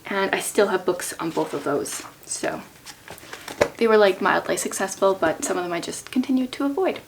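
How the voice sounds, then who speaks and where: A woman talking casually and chattily as a book vlogger, thinking aloud in an informal way with a creaky voice. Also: mid-range voice, a little hiss or hum. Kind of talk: casual chatty talk to camera about reading plans.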